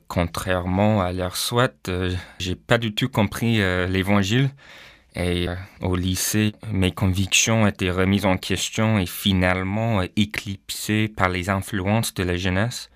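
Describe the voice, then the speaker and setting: Low-voiced hesitant man. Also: steady tone, unhurried, clean tone, no echo, clean studio sound. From Canada. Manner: hesitant, frequent "euh" fillers. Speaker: pastor, guest. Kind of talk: personal testimony.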